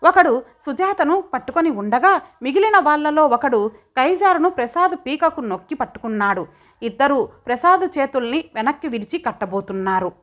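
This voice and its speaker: A woman reading a magazine story aloud as an audiobook narrator, in a steady, dramatic reading manner. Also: high-pitched, moderate pace.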